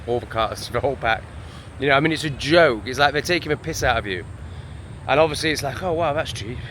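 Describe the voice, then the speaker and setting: An English vlogger at home in a town rants fast and exasperated, swearing as he rambles from one complaint to another. His mid-range voice is a bit bright, with slight hiss or hum and street sounds outside.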